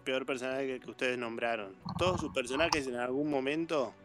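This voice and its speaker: A man's voice: mid-range voice, brisk, over music. A young man with an Argentine accent making sardonic, point-by-point arguments in a casual debate. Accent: Argentine Spanish. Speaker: panelist.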